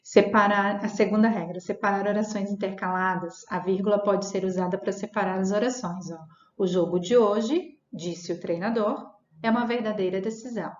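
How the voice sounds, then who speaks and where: A woman teaching a recorded Portuguese grammar lesson. She reads example sentences out slowly, corrects herself, and keeps checking in with her students. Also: medium pitch, fairly even intonation. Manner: dictates punctuation slowly, self-corrects, checks in with "tá?". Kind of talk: classroom video lesson. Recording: echoey room, dull lo-fi sound.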